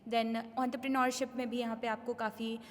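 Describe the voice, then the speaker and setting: A young female student from Uttar Pradesh talks articulately in a casual interview, moving between Hindi and English. Her fairly high voice carries a long room reverb, with faint ambience behind. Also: level tone, fairly quick, slight background noise. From Uttar Pradesh, India. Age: 20s. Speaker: third-year student.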